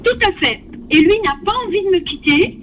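A woman calling a radio talk show from her car speakerphone, speaking in a halting, hesitant but candid way over a dull phone line. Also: very high voice, animated. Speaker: radio call-in caller.

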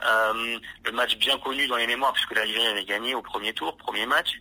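A man's voice: medium pitch, a little fast, pushed and bright, low-quality recording. A man being interviewed on the radio, speaking informally with some hesitations.

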